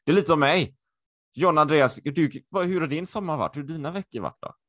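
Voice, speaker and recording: A man co-hosting a podcast over a video call, excitable and chatty, repeating himself with lots of fillers. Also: on the high side, no room sound, clean studio sound. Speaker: podcast co-host.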